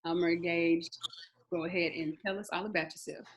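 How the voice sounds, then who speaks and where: A woman hosting a group discussion, asking thoughtful questions with pauses as she searches for words. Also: lowish voice, fairly even intonation. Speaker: host.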